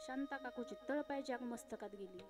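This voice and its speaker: A woman preaches a devotional kirtan and tells its stories with lively drama. Her voice sits high, and music plays clearly behind her. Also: fairly quick. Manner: animated, dramatic storytelling, acting out each figure. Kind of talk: devotional kirtan sermon with storytelling.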